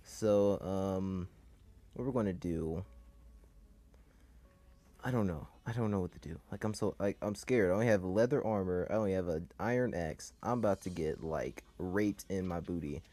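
A young man casually commentating a game, rambling and excitable with crude jokes. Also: sits low, moderate pace, no echo. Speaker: gameplay commentator.

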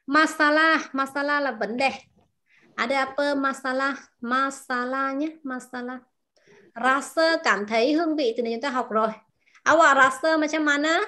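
A woman teaching a language class, repeating words slowly and asking her students questions. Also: high voice, bright, forceful tone. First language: Vietnamese. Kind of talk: explaining vocabulary to a class.

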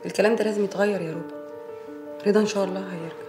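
Actress as an insistent Egyptian friend, very rapid talk, roomy echo. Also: female voice, medium pitch, steady tone, music in the background, close to an everyday voice. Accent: Egyptian Arabic. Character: worried but reassuring woman friend.

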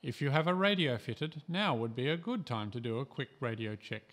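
Speaking at a medium pitch, this instructional narrator is an Australian man reading a training script in a steady, measured way that sounds calm and instructive.

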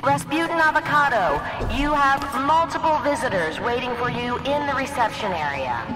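A woman's voice: high voice, animated, moderate pace. An actress voicing a female front-desk announcer who pages people over a PA system in an official tone. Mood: announcing. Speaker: receptionist making announcements. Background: loud game music.

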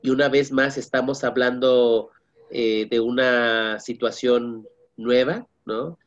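A man, a parent and guest, speaking in a measured, reflective way and often ending with a tag question. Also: medium pitch, steady tone, dull audio. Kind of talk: casual panel chat.

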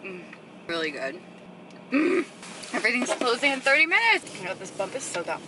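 A woman's voice: on the high side, brisk. Young woman vlogging on her phone, bouncy voice, cusses a lot, noisy store sounds behind. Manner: chatty, swears freely, animated. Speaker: lifestyle vlogger. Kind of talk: casual vlog chatter.

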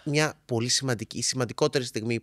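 A man co-hosting a podcast, steering the talk and agreeing warmly in casual conversation. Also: medium pitch, dry recording, clean studio sound. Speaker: podcast co-host. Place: hotel room.

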